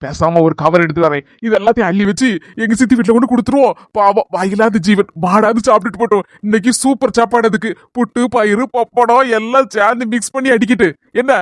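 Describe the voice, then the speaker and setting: A woman performing in a comedy sketch, speaking with a Kanyakumari Tamil accent, brisk and persuasive. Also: fairly high pitch.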